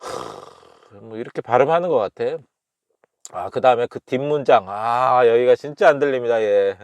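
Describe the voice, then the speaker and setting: A Korean man teaching English pronunciation. He sounds each phrase out slowly and repeats it, then explains it with many fillers. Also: medium pitch, dry recording.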